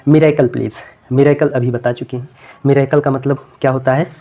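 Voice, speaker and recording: A man with a mellow, darker voice runs an exam-prep lesson on literary terms. He keeps quizzing his students and repeating every answer back to them, and he slows right down to read each English question out word by word. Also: mid-range voice, fairly even intonation, highs cut off.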